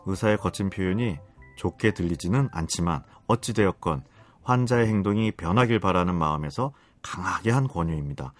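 A man hosting a short radio segment as a psychiatrist, explaining calmly in scripted commentary and posing rhetorical questions. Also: low voice, brisk, soft background music.

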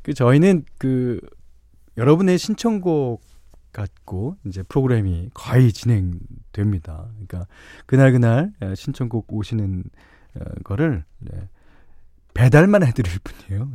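A man's voice: medium pitch, sing-song, measured pace, dark tone, no room sound, studio quality. A middle-aged man hosting a radio music show, reading listener messages in a chatty, playful way.

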